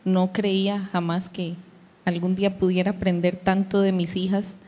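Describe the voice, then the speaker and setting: A warm-toned woman of medium pitch speaks with a flat delivery at normal speed, offering a heartfelt personal testimony to a church youth meeting. Her storytelling is emotional, and she performs her daughters' voices; long hall reverb colors the recording.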